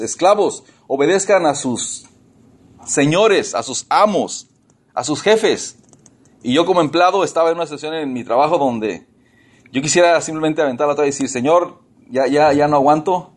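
Animated male pastor preaching. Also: fairly high pitch. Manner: addresses the congregation as brothers and sisters, asks rhetorical questions; animated, acts out the voices of complaining people. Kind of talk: conversational sermon.

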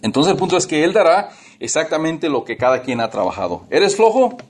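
A man's voice: a little high, very animated, brisk, breathy edge. A man preaching a casual, conversational sermon, often repeating and restarting his words.

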